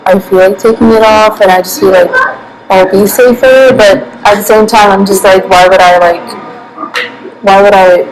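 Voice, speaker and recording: A woman's voice: medium pitch, steady tone, moderate pace, poor audio. A young woman answering interview questions casually, rambling with many fillers and restarts. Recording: background music.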